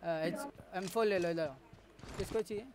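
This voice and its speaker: ऊँची आवाज़ वाला गेम स्ट्रीमर आदमी. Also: male voice, sits high. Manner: urgent rapid callouts to teammates. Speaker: streamer. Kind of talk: live gameplay squad chat.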